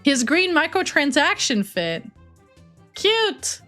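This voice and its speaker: A woman's voice: high voice, big pitch swings, slow pace, sharp tone, faint music behind. A woman livestreaming games, chatting casually with chat in a playful gamer-girl way full of slang. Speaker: streamer and host.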